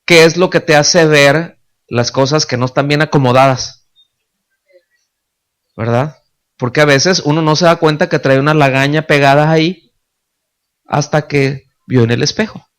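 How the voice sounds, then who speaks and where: A man's voice: fairly high pitch, steady tone, normal speed, pauses often, clean tone. Pastor preaching to his congregation. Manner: conversational preaching, constant checks with the audience. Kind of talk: sermon.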